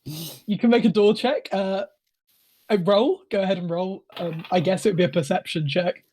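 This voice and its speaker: A game master narrating a tabletop game over a voice call, improvising in a halting, self-correcting way. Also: mid-range voice, darkish tone, breathy edge.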